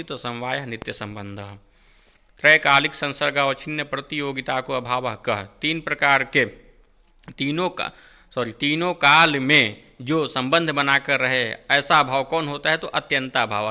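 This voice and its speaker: A man's voice: medium pitch, moderate pace, pushed and bright, clean tone. A male tutor running an exam-prep lecture, asking questions and answering them himself, correcting himself as he goes. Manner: quizzing, asks then answers, self-correcting.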